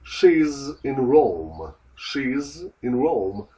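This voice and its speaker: A man voicing repeat-after-me lesson drills, slow and careful, with lively intonation. He sounds set back from the microphone. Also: medium pitch, recorded from a distance, poor audio. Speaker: lesson model voice repeating lines.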